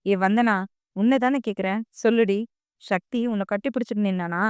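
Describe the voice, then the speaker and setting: A woman voicing a furious middle-aged mother who hurls sharp, shouting accusations at her family in an audio drama reading. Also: mid-range voice, steady tone, fairly quick, clear, resonant tone, no echo, clean studio sound, natural voice.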